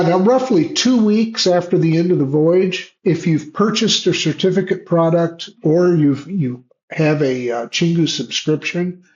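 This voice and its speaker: Male Q&A host, slightly high voice, halting delivery full of restarts; dull, lo-fi audio with a bad connection that cuts out. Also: darkish tone. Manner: halting, frequent restarts and fillers. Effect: unstable, cutting-out video call connection. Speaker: host of online Q&A session. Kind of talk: casual explanatory talk on a video call. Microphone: video call. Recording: lo-fi choppy online call audio.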